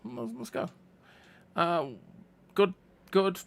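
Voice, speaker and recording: A man's voice: high-pitched, gravelly. A man giving casual gameplay commentary, chatty and thinking aloud as he plays. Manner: chatty, thinks aloud with restarts and quick reactions.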